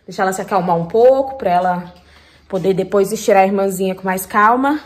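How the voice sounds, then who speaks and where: A woman's voice: mid-range voice, brisk. A tired young woman, a new mother, chatting casually to her viewers in a vlog in a tender, talkative way. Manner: chatty, tender, often says "gente" and "meu Deus".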